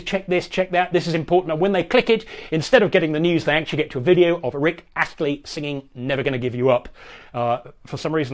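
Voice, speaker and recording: Chatty man explaining tech gadgets. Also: on the high side. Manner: chatty, rambling with frequent restarts. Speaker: host.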